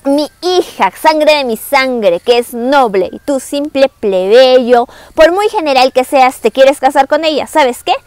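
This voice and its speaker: A woman's voice: high-pitched, animated, a little slow, hardly any pauses, a little mellow, no room sound. A woman voicing a stern, proud older Inca king who dismisses a commoner's marriage request with scorn, in a retold story. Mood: scornful.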